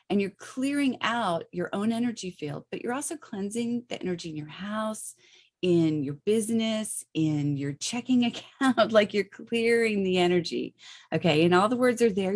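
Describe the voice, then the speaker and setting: A woman's voice: medium pitch, a little mellow. A middle-aged woman explaining a spiritual meditation practice in a loose, chatty way, often checking in with "okay" and "right". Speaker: spiritual teacher.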